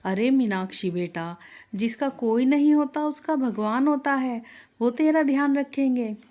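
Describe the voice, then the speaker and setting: A woman's voice: high voice, measured pace, mellow, pitched above the performer's own voice. A woman doing a comforting motherly aunt. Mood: soothing. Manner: soothing, reassuring.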